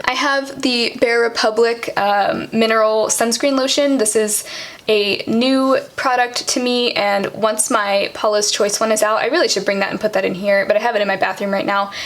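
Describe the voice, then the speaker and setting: A young woman vlogger casually walking through her makeup products, chatty and quick, with lots of "um" and "like". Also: medium pitch. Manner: fast, chatty, many fillers like "um" and "like". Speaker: beauty vlogger.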